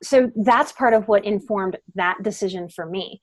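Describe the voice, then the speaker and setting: A middle-aged woman appears as a guest on a podcast interview, where she works as a psychotherapist and life coach. She speaks earnestly at a normal speed in a medium-pitched voice, pressing hard on the key words.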